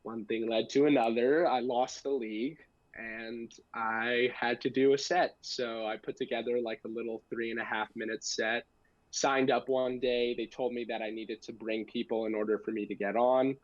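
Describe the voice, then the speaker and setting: A man's voice: medium pitch, steady tone, moderate pace, no room sound, dull audio. A young American man telling a casual story as a podcast guest, with a joking, self-deprecating, slangy manner. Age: young adult. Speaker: guest, amateur stand-up comedian.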